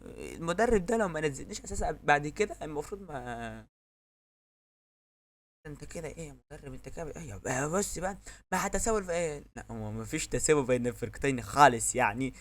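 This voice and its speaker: A man with an Egyptian accent giving excitable live commentary on his own football video game, yelling at the referee and his players. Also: on the high side, quick pace. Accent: Egyptian Arabic. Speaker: gamer.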